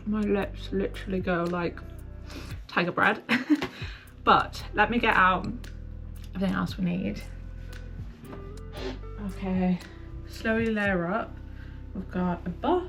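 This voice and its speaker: A woman chatting informally and self-deprecatingly to camera as a running vlogger. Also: medium pitch. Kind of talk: casual chat to camera.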